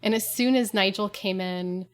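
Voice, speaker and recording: A woman composer talking about her work in a relaxed interview, chatty with frequent fillers. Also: medium pitch, moderate pace. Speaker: composer and guest. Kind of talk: casual interview talk.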